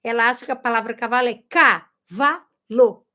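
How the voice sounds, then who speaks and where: High-voiced woman teaching on camera. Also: moderate pace, sharp tone. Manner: demonstrative, shows games to camera and sounds out words. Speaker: teacher and educator. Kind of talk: casual video lesson to teachers. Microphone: camera facing her.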